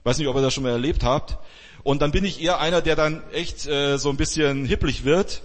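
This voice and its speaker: Husky-voiced male pastor in reverberant hall. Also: on the high side, a little fast. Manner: lively storytelling, acting out quoted speech. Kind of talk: sermon retelling a Bible story.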